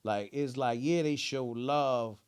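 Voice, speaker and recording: A man's voice: mid-range voice, slow pace, clean tone. A man with a New Jersey accent talking casually as a rapper being interviewed, using heavy street slang and emphatic, repeated check-in phrases.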